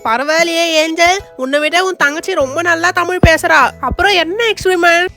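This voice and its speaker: A curious, teasing boy friend, played by a woman in a doll cartoon. The voice is very high and bright, full of eager questions. Soft music sits behind him. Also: fairly quick, exaggerated voice.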